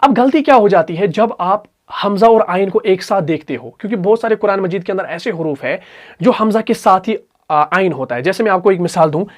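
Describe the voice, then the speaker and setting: A man with an Urdu accent teaching Quran recitation rules, patiently repeating letters and sounds slowly. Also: sits high, expressive. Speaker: tajweed teacher.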